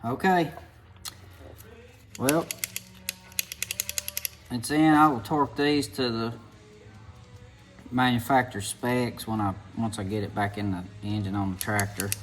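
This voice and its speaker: A man's voice: medium pitch, fairly even intonation, unhurried, long pauses, soft background music. A man with an Appalachian hillbilly accent talks in a folksy, rambling way, like a mechanic giving a casual hands-on video tutorial.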